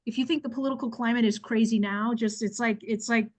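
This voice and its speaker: Woman on a video call, kinda high voice, swears a lot, ranty and blunt. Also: fairly even intonation, quick pace. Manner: blunt, heavy swearing, fiery rants. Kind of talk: casual group call.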